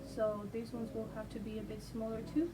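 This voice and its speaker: A woman draws and chats casually in a vlog, speaking English as a non-native with frequent pauses, ums, and self-deprecating asides. Her voice is a little high with little pitch movement, and the distant-mic recording, with music behind it, is very noisy.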